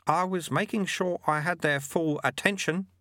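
A man voicing a wry, unflappable old master sweeper who talks smoothly and teasingly. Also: a little high, moderate pace, sharp tone, no echo, studio quality, pitched above the performer's own voice. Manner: smooth, teasing, airily lofty.

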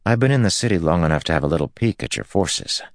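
A man's voice: deep voice, expressive, quick pace, dry recording, clean studio sound, pitched above the performer's own voice. A man voicing a roguish, easygoing young man in an audiobook, casual and coaxing.

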